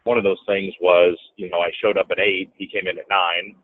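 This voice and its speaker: With a low voice and a brisk delivery, a real estate businessman tells a story during a casual interview, acting out quoted lines loudly and with animation. The recording is dry and has a tinny, telephone quality.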